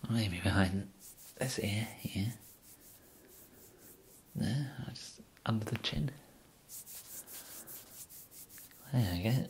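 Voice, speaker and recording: Here a young English man plays an awkwardly polite, apologetic, bumbling kidnapper for whispered ASMR. His low, breathy whispering and soft speech come out hesitant and rambling, with a helpful, awkward mood. He's close-miked, with slight background noise.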